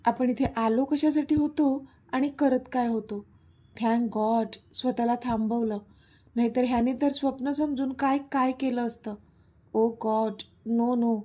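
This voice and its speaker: A woman's voice: a little high, fairly even intonation, a little slow, mellow. A woman voicing an anxious young woman in love who pleads with her partner. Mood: flustered.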